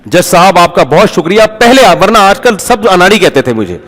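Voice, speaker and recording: A preacher doing a smug, flattered thief. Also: male voice, sits high. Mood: smug, grateful. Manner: mock-grateful, pleased. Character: smug grown male thief, flattered by a judge.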